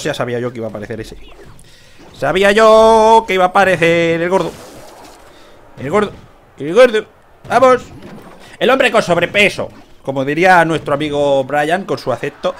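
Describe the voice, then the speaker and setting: Man, Spain Spanish accent, gaming commentary, excitable, shouts and swears, slightly high voice, faint music behind. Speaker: gaming youtuber. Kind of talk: casual gameplay commentary.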